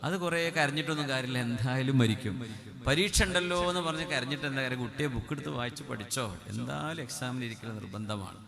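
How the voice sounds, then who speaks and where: A man preaching a sermon. He swings between loud emphatic passages and quick, quiet asides, and chants scripture in a sing-song lilt. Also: medium pitch, vocal fry. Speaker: Islamic preacher. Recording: speech with a crowd audible behind.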